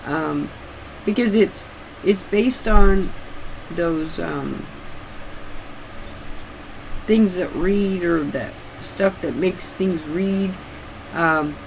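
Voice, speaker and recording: An older woman chatting casually and haltingly, with slightly restricted articulation, as if her sore jaw won't open wide. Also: fairly low pitch, gravelly, darkish tone, a little hiss or hum, low-quality recording. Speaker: craft vlogger. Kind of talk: casual rambling chat.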